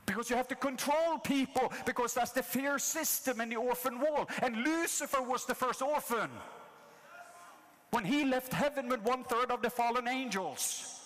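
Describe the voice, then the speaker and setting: A man from Norway preaches an impassioned sermon in a fairly high voice, pressing his points with repetition and rising emphasis. His words ring out with a long reverb trailing through a large hall. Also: moderate pace, fairly bright tone.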